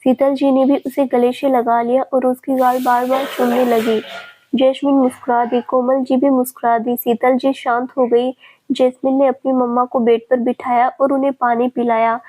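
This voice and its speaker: A woman storyteller giving a steady, scripted narration of a family story. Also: high-pitched, normal speed.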